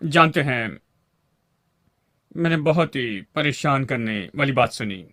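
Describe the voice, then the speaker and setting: Man, preacher, sermon, medium pitch, dry close recording, asks for amens. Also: animated, slow, sharp tone, no room sound. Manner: preaching to a congregation, asking for amens.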